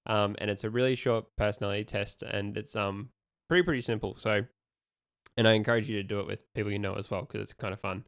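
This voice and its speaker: Young aussie dude on a chat podcast, kinda low smooth voice, rambles with lots of ums. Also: male voice, steady tone, fast talker, no echo, clean studio sound. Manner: rambling, many ums and restarts. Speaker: podcast co-host asking questions. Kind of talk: casual chat.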